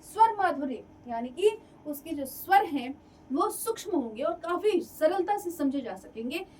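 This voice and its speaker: A woman teacher giving an exam-prep lecture, lively, repeating points and often checking that the class follows. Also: high-pitched, moderate pace, recorded from a distance, a little hiss or hum, rough recording.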